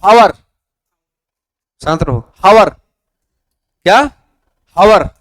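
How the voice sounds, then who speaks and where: Lively high-voiced teacher. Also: male voice, extremely slow, no echo, studio quality. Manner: lively, coaxing, quizzes students and repeats answers. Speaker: English grammar teacher. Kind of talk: classroom grammar lesson.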